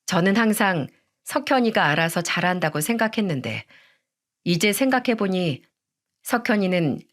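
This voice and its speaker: A woman narrating a first-person story in a steady, scripted storytelling manner. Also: on the low side, normal speed.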